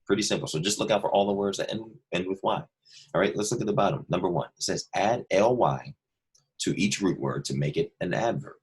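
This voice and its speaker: In a remote lesson, a male second grade teacher patiently walks young students through a worksheet, explaining each step and repeating key points. He has a low, slightly rough voice and a quick pace.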